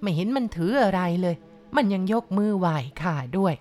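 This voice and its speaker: Woman doing a slow, blunt old village granny. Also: medium pitch, darkish tone, close to an everyday voice. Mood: musing. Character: blunt old village grandmother, coarse-spoken.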